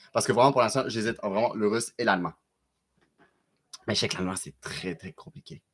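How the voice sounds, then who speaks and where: Québécois guy on a live stream, slangy, stumbles and restarts a lot, chill chat with viewers. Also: fairly low pitch. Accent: Québécois French. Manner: loose and slangy, lots of quick restarts.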